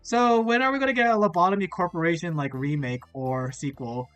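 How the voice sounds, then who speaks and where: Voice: mid-range voice, brisk, fairly bright tone, dry recording. Streamer, crunchy bitcrushed portable mic, rambling curious chat, dry close sound, faint music behind. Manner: rambling, curious, asks many questions. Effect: crunchy, bitcrushed-sounding mic audio. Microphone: laptop portable streaming setup.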